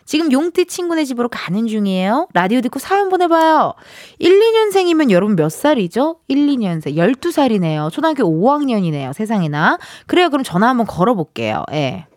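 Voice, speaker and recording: Playful high-voiced woman radio host. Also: big pitch swings, brisk, darkish tone, dry recording, clean studio sound. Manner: playful, teasing, bursts of cheering. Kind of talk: casual on-air chat with a caller. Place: radio studio.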